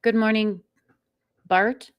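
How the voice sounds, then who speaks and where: This is a woman hosting a relaxed live stream. She chats easily, laughs a lot, and greets her viewers by name as they come in. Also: mid-range voice, takes it slowly, clean tone, muffled recording. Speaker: livestream host. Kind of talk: casual live-stream chat.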